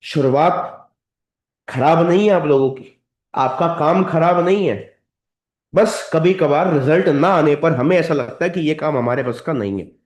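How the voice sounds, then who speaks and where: A man's voice: a little high, unhurried, a little mellow. A man with an Indian accent giving a motivational training talk, lecturing his audience directly and calling them sir and madam. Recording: roomy echoey hall.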